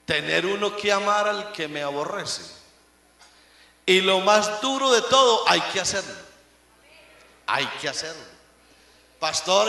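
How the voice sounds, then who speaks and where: Gravelly, bright-voiced preaching pastor. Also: male voice, sits high. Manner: preaching with big swings from shouts to hushed asides. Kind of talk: sermon. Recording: echoey room.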